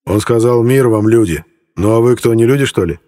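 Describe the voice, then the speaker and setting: A man voicing a surly, gruff bearded bandit leader who grumbles at strangers. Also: medium pitch, a little fast, dark tone, close to an everyday voice. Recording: long reverb.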